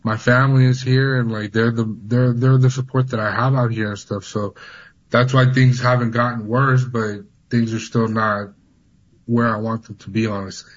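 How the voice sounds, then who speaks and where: A man's voice: medium pitch, little pitch movement, normal speed, highs cut off. A man in his thirties, from Honduras and raised in California, telling his story as an interview guest, often restarting and repeating words. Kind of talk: personal account in a news interview.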